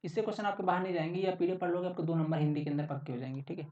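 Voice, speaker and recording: A man's voice: a little high, fairly even intonation, rapid-fire, a little mellow. A man teaching an exam-prep lesson in a casual, chatty way, often checking in with his listeners. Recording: roomy, distant, dull sound.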